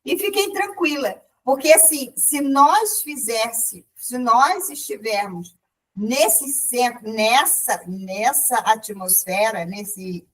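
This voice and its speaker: A woman's voice: on the high side, takes it slowly, a bit bright, distant mic, poor audio. A woman sharing a spiritual testimony at a group meeting, telling it with many restarts and quoted dialogue.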